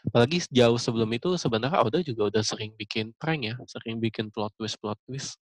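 A man co-hosts a casual podcast, teasing his partner in easy slang and breaking into laughter often. He speaks at an ordinary middle pitch. His voice is recorded close and dry. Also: a little fast, no room sound. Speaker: podcast co-host. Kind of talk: casual chat.

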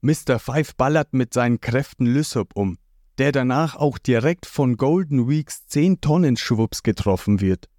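A man narrating a recap of a comic story in a slow, lively way. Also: medium pitch, no room sound, clean studio sound.

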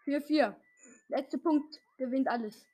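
A young woman chatting casually with a friend during a video game, playful and teasing, with quick yelps and slang. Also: high voice, warm tone. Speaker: gamer. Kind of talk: casual gaming chat.

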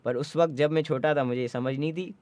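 A man in a casual podcast conversation, telling stories in animated Hindi mixed with English. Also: fairly high pitch, a little fast, no echo.

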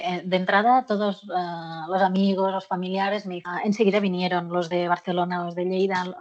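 A woman's voice: mid-range voice, dull audio. A woman being interviewed about her own life, speaking frankly with frequent fillers and occasional laughter. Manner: warm and frank, laughs often, hesitant fillers. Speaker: guest, author of a memoir. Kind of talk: candid personal interview.

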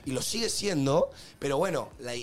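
A young man with an Argentine accent, co-hosting a casual chat show in an animated, slangy way that often repeats itself. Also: fairly high pitch, normal speed, soft background music. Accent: Argentine Spanish. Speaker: podcast co-host.

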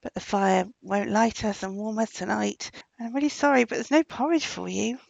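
Storybook role: woman doing a gentle, aching old cottage woman, husky and gravelly, close and dry. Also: medium pitch, moderate pace, no echo, highs cut off. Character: poor, kindly, aching old woman living alone.

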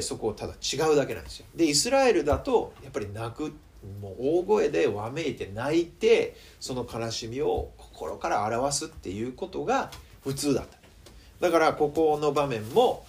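Guy pastor, casual chatty sermon, voice swings up and down a lot. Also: mid-range voice. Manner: animated, conversational preaching with questions to the audience.

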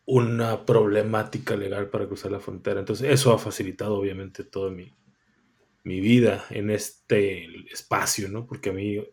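A man's voice: on the low side, fairly even intonation, moderate pace, creaky, darkish tone. A man from Tijuana, a writer and visual artist answering interview questions thoughtfully, often restarting phrases and adding tag questions. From Tijuana, Mexico.

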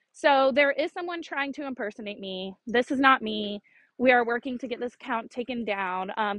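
A woman's voice: high voice, fairly bright tone, no room sound, low-quality recording. A woman in her thirties hosting a solo podcast in a chatty, earnest and encouraging way, with small laughs. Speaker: podcast host. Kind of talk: casual solo podcast talk.

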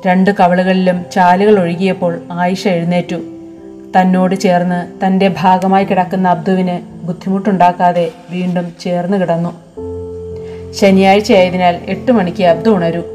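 Woman narrator, storybook reading, mellow tone, soft instrumental music behind. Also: fairly low pitch, level tone, normal speed.

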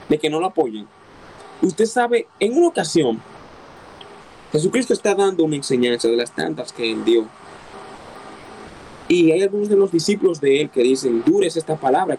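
A man's voice: fairly high pitch, a little mellow, slight background noise, rough recording. A man preaching a sermon, emphatic, repeating key phrases and asking his listeners rhetorical questions.

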